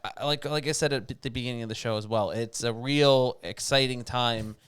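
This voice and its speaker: A New York man co-hosting a hockey show in a clear, resonant mid-range voice. He talks in long, winding thoughts and stops to correct himself. His jokes are dry. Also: mid-range voice, fairly even intonation, moderate pace, fairly bright tone. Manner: dry wit, rambling, self-correcting. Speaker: podcast co-host. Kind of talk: hockey talk show chat.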